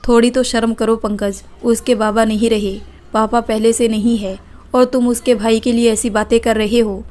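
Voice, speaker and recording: A woman's voice: on the high side, little pitch movement, moderate pace, darkish tone, close to an everyday voice. A woman voicing an outspoken, caring elder sister-in-law in a read-aloud family story. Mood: angry. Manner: firm, reproachful.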